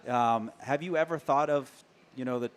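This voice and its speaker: Energetic man co-hosting sports talk. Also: medium pitch, moderate pace, smooth. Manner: energetic, gushing, talks in loose run-on phrases. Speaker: co-host. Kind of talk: local sports talk show. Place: local TV studio.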